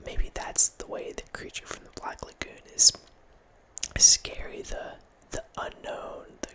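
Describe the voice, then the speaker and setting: A man in his thirties whispers softly and voicelessly into a large studio mic placed close in front of him, headphones on, as he rambles about a horror film for his ASMR channel. He goes a little slow, restarting phrases and slipping in hushed laughs. The intimate sound comes from a small room in his home.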